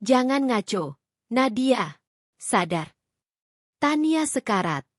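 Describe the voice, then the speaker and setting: A woman's voice: fairly high pitch, big pitch swings, slow pace, no room sound, studio quality, heavily acted. A woman voicing a scheming husband who is exposed and turns angry and menacing in a read-aloud story. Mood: tense. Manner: shouting, menacing.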